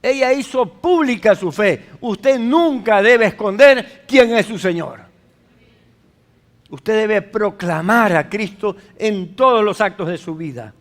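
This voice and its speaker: A man's voice: high-pitched, expressive, takes it slowly, a bit bright. A man preaching a sermon as pastor, speaking emphatically and asking rhetorical questions.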